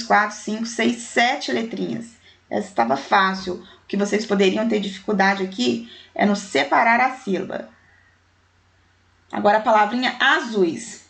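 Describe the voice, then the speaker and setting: A woman teacher with a fairly high voice goes through a primary school lesson at a slow, unhurried pace. She breaks words into syllables and counts letters aloud one by one, and she calls the words by fond little diminutives for young children. Her delivery is patient and clear. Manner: affectionate diminutives for young pupils.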